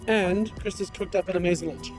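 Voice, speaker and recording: High-voiced man, chatty vlogger. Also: steady tone, brisk, over loud music. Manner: chatty, self-deprecating. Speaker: travel vlog host. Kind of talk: casual travel vlog narration. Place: outdoors at a campground.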